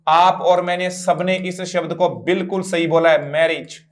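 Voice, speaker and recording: A man's voice: high voice, little pitch movement, normal speed. A man teaching an English lesson, spelling words letter by letter and asking students to repeat. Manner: repeats words and quizzes listeners with rhetorical questions. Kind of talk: online class lecture.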